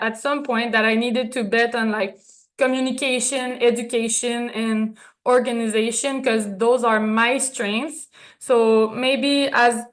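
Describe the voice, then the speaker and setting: French-accented woman giving a thank-you speech, bit higher voice, stops to hunt for english words. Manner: searches for English words, many fillers, soft laughs. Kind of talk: stage acceptance speech.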